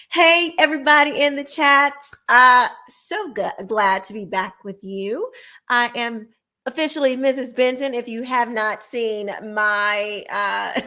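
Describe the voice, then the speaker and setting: A woman's voice: fairly high pitch, fairly bright tone. Chatty woman co-hosting a livestream. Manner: upbeat, chatty, with small hesitations. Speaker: co-host. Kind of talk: casual livestream chat.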